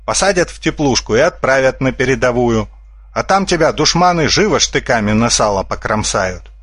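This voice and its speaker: A man's voice: medium pitch, lively intonation, normal speed, a bit bright, breathy edge, no echo, studio quality. A man voicing a sly male fox trickster in an audiobook, teasing and smug. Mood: mocking.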